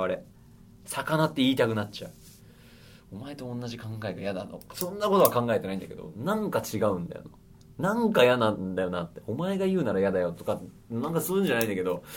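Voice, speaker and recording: A young man talking alone on a late-night radio show, chatting loosely and cracking himself up. His pitch jumps all over the place as he goes from mumbling asides to loud, excited bursts. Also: slight background noise. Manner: rambling, self-mocking, bursts of loud laughter and shouting. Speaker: radio host. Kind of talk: casual solo radio chat reading listener mail.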